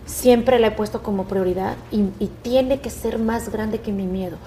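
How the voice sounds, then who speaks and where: A middle-aged woman, telling her story as a guest in a conversational interview, in an expressive, animated way. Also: medium pitch, moderate pace, slight background noise. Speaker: guest, businesswoman.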